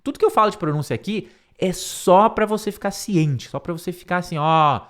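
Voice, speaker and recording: A man from Brazil teaching an English lesson, repeating words slowly and carefully and speaking directly to his students to reassure them. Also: high-pitched. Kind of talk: online English lesson, explaining phrases.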